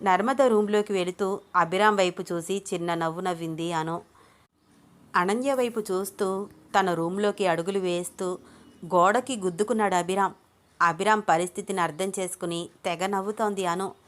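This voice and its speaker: A woman storyteller reading a scripted love story with steady, expressive narration. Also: mid-range voice, moderate pace.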